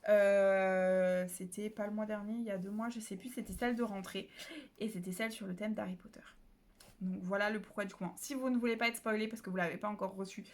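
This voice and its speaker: A woman's voice: medium pitch, fairly even intonation, a little fast, darkish tone. Woman, book vlogger, casual chat, filmed on a phone at home, rambling, lots of fillers. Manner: chatty, rambling, many fillers and self-corrections.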